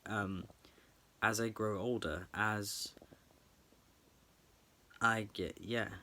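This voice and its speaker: Young guy talking quietly late at night, lowish voice, halting and thoughtful, lots of pauses. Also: fairly even intonation. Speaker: vlogger. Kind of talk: late-night personal reflection.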